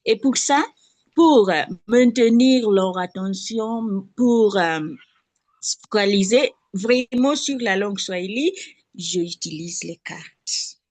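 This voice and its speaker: A woman's voice: mid-range voice, slow pace, darkish tone. A woman with a Kenyan accent, a teacher sharing her classroom experience over a video call, speaking hesitantly. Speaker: participating teacher.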